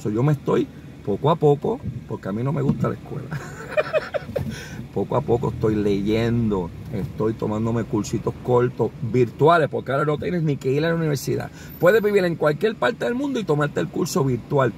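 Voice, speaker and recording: A Puerto Rican man with a Puerto Rican Spanish accent gives casual, animated advice while driving, mixing English words into his Spanish. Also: medium pitch, moderate pace, vocal fry. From Puerto Rico. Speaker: vlogger and consultant. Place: inside a car on a city street. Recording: car with road noise. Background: traffic and car noise.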